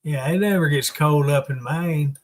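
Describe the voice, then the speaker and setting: A man from Arkansas with a slow Southern drawl, hosting a casual live chat in a folksy, teasing way as he greets viewers. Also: on the high side. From Arkansas, United States. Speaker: live stream host.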